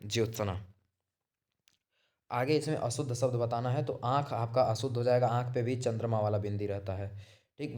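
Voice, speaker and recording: A man explains quiz answers one after another in a plain, mid-pitched voice. He repeats each term and checks in with the listener as he goes. He often breaks off mid-word to correct himself. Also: dark tone. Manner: repetitive, checks in with "theek hai". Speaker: exam-prep teacher.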